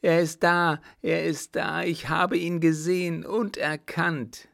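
A man voicing a tormented, raving young baron who wails in high, anguished outbursts, his voice a little gravelly. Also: little pitch movement, takes it slowly, fairly bright tone, full character voice. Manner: shrill, wailing, anguished outbursts.

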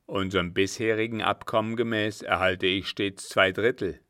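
A man doing a gruff, scheming old man. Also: lowish voice, steady tone, normal speed, pushed and bright, dry recording, clean studio sound. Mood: sardonic. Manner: sardonic, calculating.

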